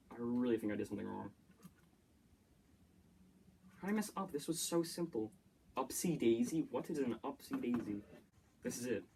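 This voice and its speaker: A young man with a medium-pitched voice runs a casual commentary to himself as he builds and plays. He talks in a chatty, joking way and gets excited easily. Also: vocal fry, background noise. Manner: chatty self-talk, easily excited, jokey. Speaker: YouTuber.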